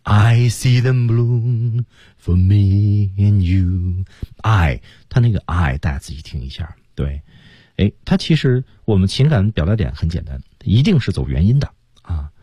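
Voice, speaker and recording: A man's voice: deep voice, sing-song, fairly quick, warm tone, husky, dry recording. A man co-hosting a radio lesson, explaining singing technique step by step and singing short phrases to show it. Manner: explains step by step, sings snippets to demonstrate. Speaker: singing coach co-host. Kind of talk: radio teaching talk.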